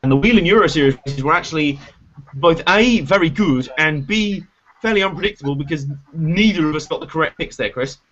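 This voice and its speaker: A man's voice: on the high side, animated, brisk, fairly bright tone. A British man hosting a casual motorsport chat show over a video call, rambling and joking at his own expense. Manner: chatty, rambling, self-mocking jokes. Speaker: show host. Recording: slightly dull lo-fi audio with faint hiss.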